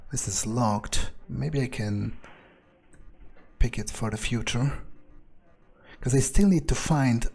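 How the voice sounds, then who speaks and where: A man with a medium-pitched, gravelly, husky voice that's a little mellow speaks slowly and pauses often. He's a gamer thinking aloud in character as a cynical, scornful male vampire, sounding hesitant, disdainful and sweary.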